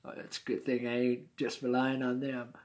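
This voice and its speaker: A man's voice: mid-range voice, monotone, moderate pace. An older man in his sixties telling a personal story in a folksy, chuckling way. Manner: folksy, chuckling, warm-hearted asides.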